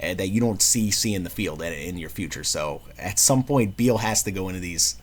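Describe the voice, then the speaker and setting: A man with a New York accent hosting a casual sports show, talking football in a slangy, lively way. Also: low-pitched, a little fast. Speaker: host.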